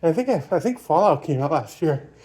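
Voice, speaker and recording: Guy doing a casual vlog while running, kinda high voice but mellow, just rambling his opinions. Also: very animated, fast, slightly rough. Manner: talking while out on a run. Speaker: vlogger.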